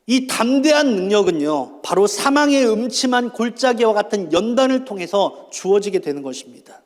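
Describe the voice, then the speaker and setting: High-voiced preaching man in reverberant hall. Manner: preaching with calls to repeat and rhetorical questions. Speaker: pastor. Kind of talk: sermon. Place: church hall. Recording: long church hall reverb.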